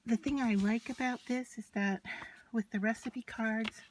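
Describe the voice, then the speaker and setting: A woman's voice: fairly high pitch, steady tone, unhurried. A woman talks casually through a hands-on craft demonstration step by step, unscripted, while she works with her materials. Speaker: craft tutorial presenter. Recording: clear background noise, scratching and clicks from handling materials. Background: scratching and clicking of craft materials.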